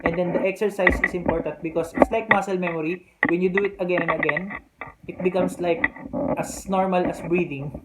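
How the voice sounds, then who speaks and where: This vlogger, a native Filipino speaker from the Philippines with a Filipino accent, runs through practical test tips for the camera in a casual way. The medium-pitched voice moves fairly quickly with fairly even intonation, over clear background noise.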